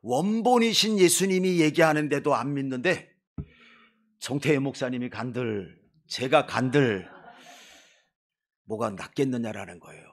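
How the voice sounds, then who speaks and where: A man's voice: medium pitch, lively intonation, unhurried, long pauses. A man preaching a sermon as a missionary pastor, emphatic, full of rhetorical questions and playful asides to his congregation in a church. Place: church sanctuary before a congregation.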